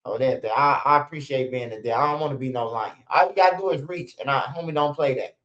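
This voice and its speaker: A fast-talking man in his 40s with a mid-range voice hosts a street news livestream, telling street stories bluntly, casually and profanely while constantly saying "bro" and "man." The audio has a lo-fi quality.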